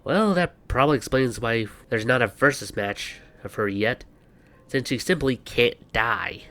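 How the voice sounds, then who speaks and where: This host speaks at medium pitch, a little slowly, with a sharp edge to his tone. He narrates a scripted explainer with banter, sounding sarcastic and wry and tossing in exasperated asides while music runs underneath.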